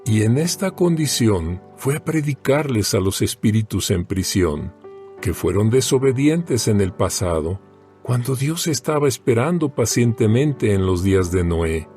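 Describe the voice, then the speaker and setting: A Bible audio narrator reads scripture solemnly and deliberately, lingering over every phrase. His pitch ranges widely, lending the dramatized reading a lively shape, while faint background music plays.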